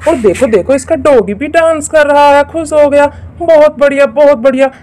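A woman's voice: high voice, moderate pace, warm tone. A woman narrating a toy doll play for children, exclaiming, repeating herself and speaking straight to the kids. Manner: exclaiming, repeats "look, look" and "very good"; addresses children directly. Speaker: storyteller for a toy channel.

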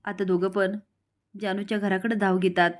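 A woman recaps a television serial episode in scripted narration. Her delivery is steady and story-like, at a middle pitch for a woman. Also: normal speed.

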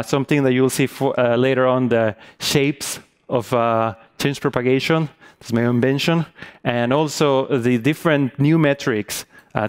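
A Mexican man in his thirties speaks with a clear, resonant, medium-pitched voice and a Mexican Spanish accent. He's giving a conference talk on a large stage, and his speech is full of hesitant fillers.

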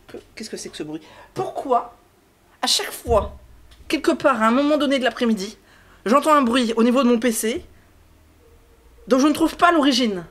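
A man's voice: extremely high pitch, normal speed, pauses often, a bit bright. Rambling man streaming a mystery game. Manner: rambling, hesitant thinking aloud, many fillers and restarts; jokey, self-talking, easily sidetracked. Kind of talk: live-stream gameplay commentary. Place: at his home computer.

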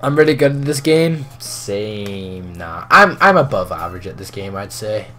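A chatty, excitable teenage boy commentating his own kart race for a live audience. His breaking voice swings widely in pitch and cracks high without warning. Faint game music plays behind him. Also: fairly quick. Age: teens. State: voice breaking with puberty. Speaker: gaming streamer.

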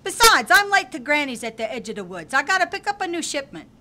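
A woman's voice: sits high, sing-song, quick pace, sharp tone, heavily acted. A woman voicing a brash, streetwise young girl who runs cookie scams, in a comic radio play. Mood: sassy. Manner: brash, sassy, mocking.

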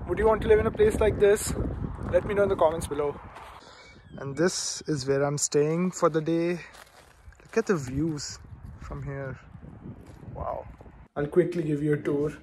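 His pitch is fairly high and his tone darkish, with a bit of background noise behind him. The young traveller, in his 20s, chats eagerly to camera for his vlog, outside and inside a rented cottage.

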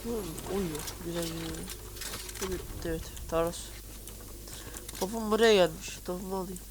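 Woman gamer doing casual commentary, muttering and cursing, with loud game sounds behind. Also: fairly low pitch, steady tone, moderate pace, background noise. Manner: swearing, muttering to herself, sudden yelps.

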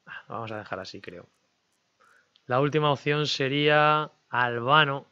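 A gaming YouTuber chats casually while playing a management game, talking both to himself and his viewers as he negotiates. His medium-pitched voice is bright, forceful and clean, and he speaks unhurriedly, though the audio sounds dull.

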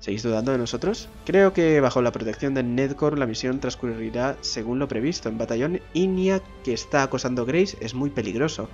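A man's voice: mid-range voice, a little fast, hardly any pauses, a little mellow, dull audio, soft background music. A man reads game dialogue aloud in a gameplay video. Between the lines he makes casual asides and swears mildly when frustrated. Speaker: gameplay commentator.

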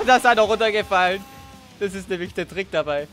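A man commenting on his own gameplay with loud, crude outbursts and jokes. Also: high voice. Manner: loud, swearing, explosive outbursts. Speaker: let's play gamer. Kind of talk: let's play commentary.

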